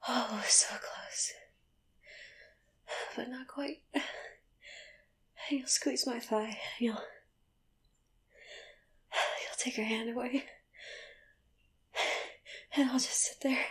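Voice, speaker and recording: A woman speaks slowly in an intimate audio roleplay monologue, frequently dropping into a breathy whisper and letting sighs and soft laughs fall between phrases. Her voice is slightly high and steady in tone.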